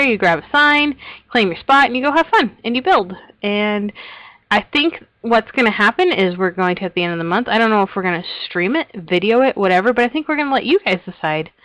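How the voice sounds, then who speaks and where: A woman's voice: medium pitch, a bit bright, dry recording, poor audio. Chatty woman giving a game tour. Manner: chatty, giggly, self-interrupting. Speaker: Minecraft server host giving a tour. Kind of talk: casual rambling vlog narration.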